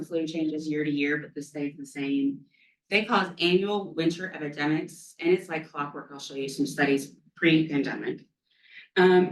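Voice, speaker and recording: A woman giving an academic lecture on a virus, chatty with frequent ums and offhand self-deprecating asides, recorded in a lecture room. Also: low voice. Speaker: infectious disease lecturer. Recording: roomy hall from far off.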